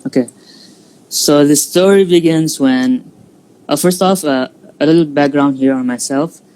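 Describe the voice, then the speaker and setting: A man's voice: fairly high pitch, darkish tone, low-quality recording. A young man in his twenties from Indonesia, a student guest telling his story in a casual interview, with many fillers and restarts. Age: 20s. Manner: halting, frequent fillers and restarts. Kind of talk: casual interview over a live stream.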